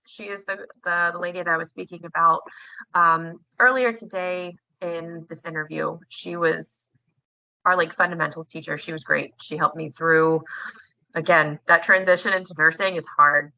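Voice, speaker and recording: Young woman, nursing student, gravelly bright voice, chatty and emotional, dry dull recording. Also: fairly low pitch, no echo. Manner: chatty, emotional, laughs often, many fillers. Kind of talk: casual interview chat.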